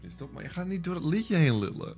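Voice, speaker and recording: A man's voice: high-pitched, sing-song, brisk, over loud music. A man bantering casually over a game, bickering in a bossy, teasing way. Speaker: gaming show host.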